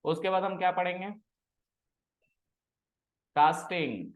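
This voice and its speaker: A man's voice: high-pitched, slow. A man teaching a programming class, casually quizzing and teasing his students in a classroom. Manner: teasing, asks students questions and scolds them.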